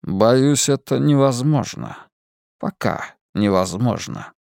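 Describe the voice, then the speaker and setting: A man voicing a mysterious masked man who hides in darkness, speaking slowly, quietly and evenly. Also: medium pitch, animated, gravelly, dry recording, studio quality. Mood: calm. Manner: slow, quiet, measured.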